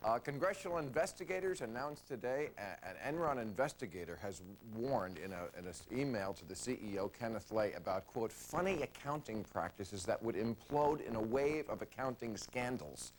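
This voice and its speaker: A man hosting a talk show, reading the news casually with a halting delivery. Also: medium pitch, expressive, slight background noise, low-quality recording. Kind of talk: casual topical monologue.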